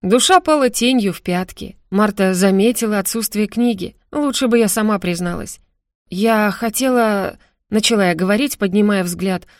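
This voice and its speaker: A woman narrating a first-person novel as an audiobook, in an expressive, lively manner. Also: mid-range voice, dry recording, studio quality.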